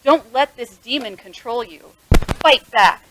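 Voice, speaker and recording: A woman's voice: fairly high pitch, measured pace, fairly bright tone, poor audio. A woman playing a tabletop game, earnestly delivering a prepared in-character speech. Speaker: player.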